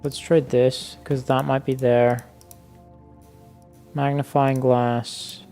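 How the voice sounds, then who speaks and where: A man's voice: mid-range voice, flat delivery, takes it slowly, mellow, soft background music. A man giving casual let's-play commentary, thinking aloud with many fillers and restarts. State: hiccuping. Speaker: gaming YouTuber.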